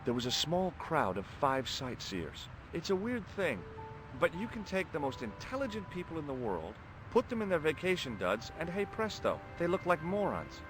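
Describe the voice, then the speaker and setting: A wry adventure-game sleuth. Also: male voice, on the high side, very animated, moderate pace, over music. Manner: dry, sardonic narration. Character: wry adult male amateur sleuth hero. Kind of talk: video game voice acting.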